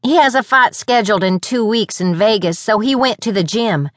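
A woman narrator, mid-range and at a moderate pace, voices a bubbly, eager young woman proud of her partner. She pitches above her own voice, though it stays close to an everyday voice, and the studio recording is clean and dry.

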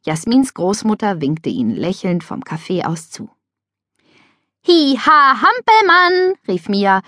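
A woman reading a children's audiobook with lively, expressive storytelling on a close studio mic. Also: medium pitch, no echo. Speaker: audiobook narrator. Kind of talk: scripted children's audiobook narration.

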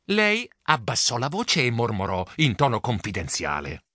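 A man narrates a children's story with a very lively, swooping delivery and a bright, forward tone. His reading is playful and expressive. The recording is close and completely dry. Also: medium pitch, moderate pace, no echo. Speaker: audiobook narrator.

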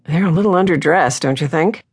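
A woman voicing a spirited young female deputy who talks in a bright, quick, teasing way, read for an audiobook. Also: low voice, husky, voice pushed up. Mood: snippy.

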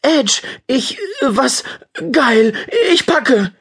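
A man voicing an eager, pushy young boy who bursts out in breathless, high-pitched lines. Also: wildly swooping pitch, moderate pace, a bit bright, husky, heavily acted. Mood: excited.

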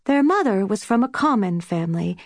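A woman voicing a patient, gentle girl who murmurs softly, like a storyteller. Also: mid-range voice, expressive, fairly quick, no echo, studio quality. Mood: storytelling.

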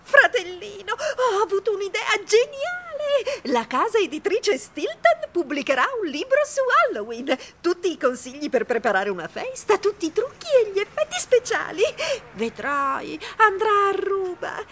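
Bossy teasing girl mouse from a kids' audiobook, very high, lively pitch, voiced by a man. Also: slight background noise, heavily acted. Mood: coaxing. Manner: wheedling, coaxing, rapid-fire. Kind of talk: audiobook character voice.

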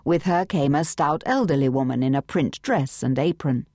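Woman narrator, low and lively, dry close studio sound, measured delivery. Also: dry recording. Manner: measured, expressive storytelling. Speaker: audiobook narrator. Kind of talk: scripted narration. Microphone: close studio mic.

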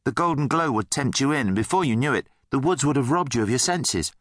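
A man's voice: mid-range voice, animated, fairly quick, a bit bright, dry recording, clean studio sound, pitched above the performer's own voice. A man voicing a timid young male lamplighter who speaks in a mild, earnest way.

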